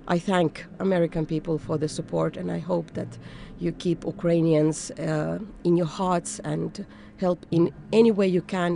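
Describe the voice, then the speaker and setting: Gravelly woman conductor. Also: lowish voice, dark tone. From Finland. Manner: thoughtful, searching for words with frequent fillers. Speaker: orchestra conductor. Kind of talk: intermission interview answers.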